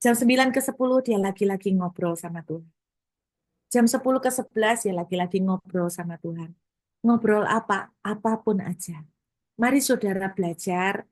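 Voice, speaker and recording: A woman pastor preaching a conversational sermon, lively, asking her listeners questions and playing out little everyday scenes, with English words mixed in. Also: medium pitch, no room sound. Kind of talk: conversational sermon to a congregation and online viewers.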